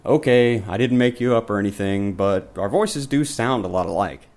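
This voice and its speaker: A man hosting a comic mock interview, deadpan and sarcastic with casual slang. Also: on the low side, normal speed. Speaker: interviewer and host.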